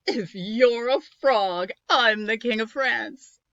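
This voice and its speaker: A woman's voice: on the high side, slow, fairly bright tone, no room sound, lo-fi sound, voice pushed up. A woman voicing a sly, greedy witch who speaks in a sugary, scheming way.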